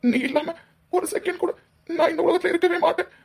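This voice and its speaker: A woman's voice: very high-pitched, fairly even intonation, brisk, creaky, a little mellow. A woman voicing a desperate young husband who is crying and pleading for his lost wife.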